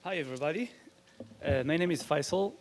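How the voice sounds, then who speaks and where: A man from Morocco co-presenting a business pitch on stage, introducing himself plainly with uh fillers. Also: brisk, slight background noise.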